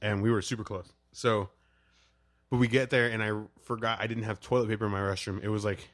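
A man's voice: fairly low pitch, a little fast, no room sound, studio quality. A young man co-hosting a podcast, telling a story in casual chat and laughing through it. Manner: laughs through his stories, profane and animated. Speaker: podcast co-host.

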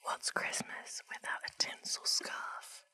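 A woman doing playful, chatty ASMR in a breathy whisper, very close to the microphone, right in the listener's ear. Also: slow pace, bright, forceful tone. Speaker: ASMR host. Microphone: close ASMR microphones, two of them.

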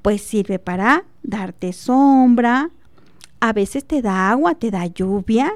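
A woman voicing a sweet, stubborn young girl who is selling a cloud, speaking high and innocent. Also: expressive, slow pace, no echo. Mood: childlike.

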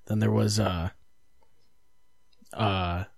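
A man's voice: lowish voice, little pitch movement, extremely slow, creaky, dry recording. A young man in casual chat, dry and laconic, going along with the joke.

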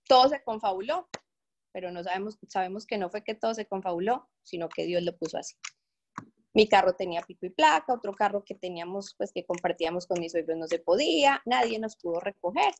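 A woman's voice: medium pitch, a little mellow, slight background noise. Woman telling an emotional faith testimony. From Colombia. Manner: emotional, earnest storytelling addressed to an audience. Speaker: speaker giving a testimony.

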